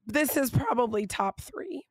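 A hoarse woman with a raspy, nearly lost voice that slips toward a whisper, hosting an emphatic, halting, heartfelt faith monologue. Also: on the high side, a bit bright, no echo. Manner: emphatic, halting, with repeated phrases and drawn-out pauses. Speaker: podcast host and preacher.

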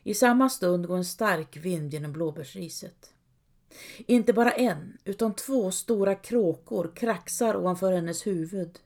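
A woman reading a dark folk tale aloud as narrator, in a measured, dramatic way. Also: on the low side, vocal fry. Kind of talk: scripted storytelling narration.

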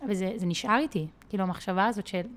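A woman guest on a podcast, telling a personal story in a chatty way with many fillers and restarts. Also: mid-range voice. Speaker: podcast guest, content creator.

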